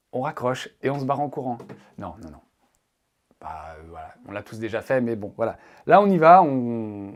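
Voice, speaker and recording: A man teaching a casual spoken language lesson, playful and joking as he explains. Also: mid-range voice. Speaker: English teacher.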